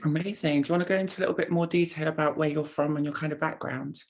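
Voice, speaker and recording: A woman's voice: low voice, fairly even intonation, rapid-fire. A woman hosting an interview podcast, asking questions and giving upbeat, encouraging prompts. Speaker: podcast host.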